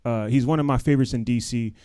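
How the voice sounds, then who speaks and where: A man's voice: mid-range voice, fairly even intonation, quick pace, mellow, a little hiss or hum. A man hosting a live comedy show, joking loosely with the crowd and laughing often between lines. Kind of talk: stand-up emcee banter. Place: live comedy stream venue.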